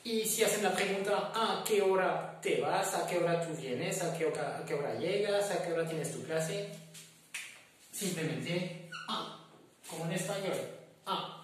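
A man teaching French to Spanish speakers, explaining slowly and repeating each example, switching between French and Spanish. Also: high-pitched, background noise. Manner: slow, repetitive explaining, mixing French and Spanish. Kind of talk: bilingual classroom lesson. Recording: echoey room from far off.

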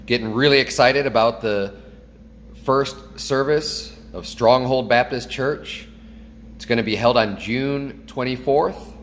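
Upbeat pastor on a phone selfie video. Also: male voice, medium pitch, unhurried, fairly bright tone, long reverb tail, slight background noise. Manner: earnest, upbeat, with small restarts. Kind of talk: casual church announcement. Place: kitchen at home, indoors. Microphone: phone held at arm's length.

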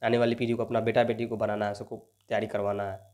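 A man's voice: fairly low pitch, level tone, quick pace, darkish tone. A young man, a coaching teacher who solves exam questions and keeps coaxing his students, tagging his sentences with a constant "right?". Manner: repeats "ठीक ना" as a tag, coaxing and motivational. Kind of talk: lecture solving exam questions.

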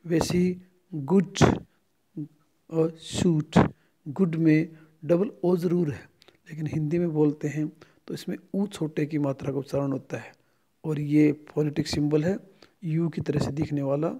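A middle-aged Indian man teaching a phonetics lesson, speaking slowly and drilling each word over and over. His voice is a touch high for a man, yet mellow and dark in tone. He speaks as a native Hindi speaker with an Indian accent. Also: little pitch movement, husky. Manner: slow and repetitive, drilling each word aloud several times. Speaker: English lecturer. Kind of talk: phonetics lesson explaining vowel symbols.

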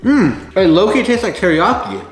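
A man's voice: high-pitched, lively intonation, normal speed. Young male co-host, slangy, mouth partly full, echoey room, music behind. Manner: laid-back slangy talk. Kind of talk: casual food tasting chat.

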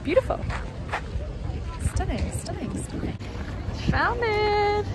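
A woman's voice: very high voice, sing-song, slow pace. A young woman in her twenties, chatting and gushing in a casual travel vlog, filmed on a phone at arm's length outdoors in a city. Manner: chatty and gushing, repeats stunning. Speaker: travel vlogger. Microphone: phone held at arm's length. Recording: loud street traffic noise. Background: city traffic and street noise.

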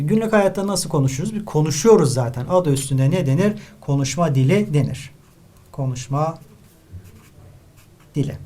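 Turkish teacher working through an exam. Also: male voice, on the high side, a little mellow. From Turkey. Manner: explains step by step, addresses students often, writes while talking. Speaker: literature teacher. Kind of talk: exam-review lesson.

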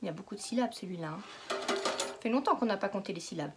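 A woman teaching a phonics lesson to young children, stretching out each word slowly and patiently asking questions. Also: mid-range voice, lively intonation, over music. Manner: slow, exaggerated word pronunciation. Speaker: kindergarten teacher.

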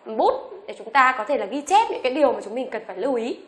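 A woman teaching an online beginners' lesson, asking the class questions and reading each letter slowly for them to repeat. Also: high voice, sing-song, fairly bright tone, roomy sound. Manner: asks the class rhetorical questions; reads letters aloud slowly for repetition. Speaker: English teacher.

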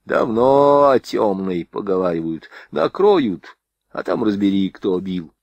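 Male narrator as calm stern soldier, dry close sound. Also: lowish voice, slow, dry recording, dull audio, exaggerated voice.

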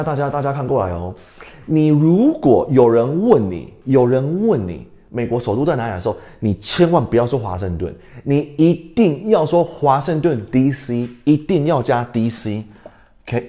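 A young adult Canadian man teaches an English lesson on a livestream, moving between Mandarin and English and quizzing his viewers. His voice is mid-range and mellow.

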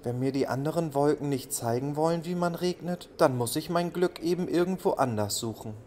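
A man voicing a small, shy and sad little cloud that talks softly and sobs, in a children's bedtime audio play. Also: medium pitch, expressive, unhurried, slight background noise, close to an everyday voice. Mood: wistful. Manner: soft, sighing and sobbing.

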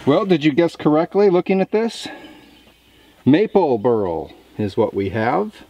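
A man's voice: on the high side, sing-song, unhurried, dull audio. A man in his thirties, a sawmill operator, casually explaining his work in an outdoor how-to vlog, recorded on a camera mic in a field. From southern Indiana.

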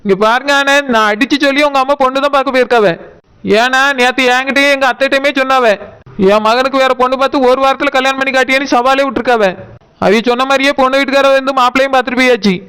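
A man's voice: extremely high pitch, level tone, pushed and bright, smooth, low-quality recording. A man doing a fretful young Tirunelveli village wife. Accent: Tirunelveli Tamil. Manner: fretful, pleading, rapid. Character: anxious young village wife, tearful and suspicious. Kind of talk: cartoon voice acting.

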